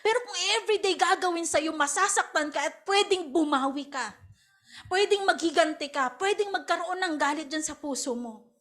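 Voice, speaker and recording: A woman pastor with a Filipino accent preaches in lively Taglish. Her voice sits high. She drops into acted quotes of other people as she goes. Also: normal speed. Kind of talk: sermon.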